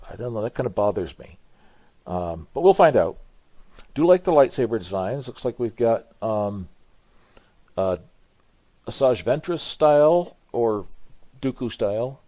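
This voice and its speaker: A man's voice: medium pitch, dark tone, no room sound. An older man with a grandfatherly, hesitant manner, musing aloud in casual reaction commentary. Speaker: video host reacting to a game trailer. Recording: music behind the voice. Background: music from a game trailer.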